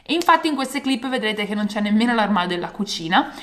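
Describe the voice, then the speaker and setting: A woman's voice: medium pitch, expressive, quick pace, fairly bright tone. A woman of around thirty talking casually to camera in an emphatic, enthusiastic vlog style, drawing out words. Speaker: vlogger. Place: bright room at home.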